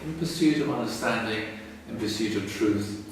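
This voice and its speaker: A man's voice: lowish voice, moderate pace, background noise. A man teaching a religious story in a casual, humorous way as a lecture. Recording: echoey room, far from mic.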